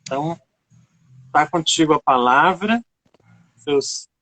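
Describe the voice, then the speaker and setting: A man's voice: on the high side, lively intonation, slow, sharp tone, poor audio. A man hosting a live stream, introducing a guest in an encouraging way.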